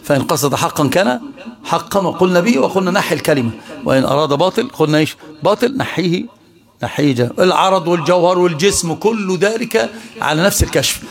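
A sheikh with an Egyptian Arabic accent teaches a religious study lesson, quizzing listeners with rhetorical questions. His voice is high-pitched and lively, he talks fast, and the live class recording includes audience noise.

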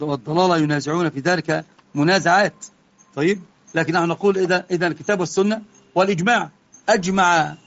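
A man with an Egyptian Arabic accent giving a religious lesson, moving between calm explanation and heated rebuke. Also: a little high, highs cut off. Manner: impassioned, swings from quiet explaining to heated rebuke. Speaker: religious teacher.

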